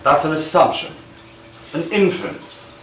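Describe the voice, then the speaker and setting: A man's voice: fairly high pitch, very animated, a little slow, fairly bright tone, slight background noise. Man playing a defensive cheating husband, evasive, wry, acting class scene, roomy echo, distant mic. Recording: echoey room from a distance.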